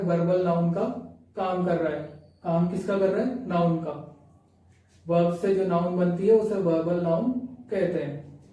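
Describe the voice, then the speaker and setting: A man with a high, level voice teaches a grammar lesson, reading English rules slowly and then asking and answering his own questions as he goes. His tone is dark and mellow. He sits well back from the microphone in a strongly echoing room. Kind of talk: grammar lesson explaining examples on screen. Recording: very echoey room, voice from a distance.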